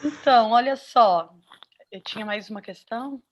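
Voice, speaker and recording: Female moderator, Brazilian accent, slightly high voice, informal live panel delivery. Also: normal speed, muffled recording. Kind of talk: informal live moderation, reading audience questions.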